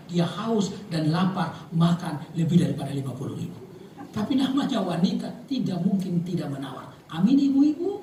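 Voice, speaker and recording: A man's voice: high-pitched, dark tone, slight background noise. Man, pastor, sermon, from Maluku, storytelling and joking, big hall echo, voice from far off. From Maluku, Indonesia. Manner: joking, storytelling, often calls out to the congregation; calls himself somewhat emotional and reactive. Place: church hall with congregation.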